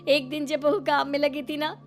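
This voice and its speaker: A woman's voice: high voice, little pitch movement, normal speed. Giggling cartoon mother-in-law. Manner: laughs through every line. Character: giggling mother-in-law who cannot stop laughing.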